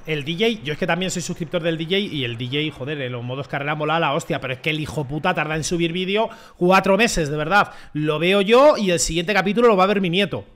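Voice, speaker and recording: Young spanish guy gaming, high voice, yells at goals, swears a lot. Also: quick pace, few pauses. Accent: Spain Spanish. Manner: excitable, shouts at goals, slangy and swearing. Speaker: gaming YouTuber. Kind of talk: casual gameplay commentary.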